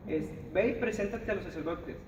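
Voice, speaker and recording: Man, sermon, Mexican accent, high voice, emphatic, distant dull mic, reverberant church hall, steady background noise. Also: a little fast. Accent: Mexican Spanish. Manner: emphatic, speaks straight to the listener, acts out others' words. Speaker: preacher.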